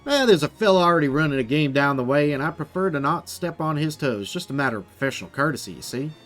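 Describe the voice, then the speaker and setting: A man's voice: on the high side, lively intonation, fast, a bit bright, faint music behind. A man voicing a folksy, easygoing female hobo drifter in a video game, with a laid-back drawl.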